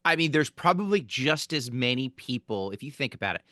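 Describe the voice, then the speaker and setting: A man co-hosting a casual podcast chat, animated and jokey, rambling with lots of restarts. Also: medium pitch, fairly quick, dry recording, studio quality. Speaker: podcast co-host.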